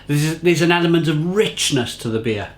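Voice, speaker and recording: A man's voice: on the high side, animated, normal speed. A man giving a casual, effusive beer tasting review, often repeating phrases for emphasis.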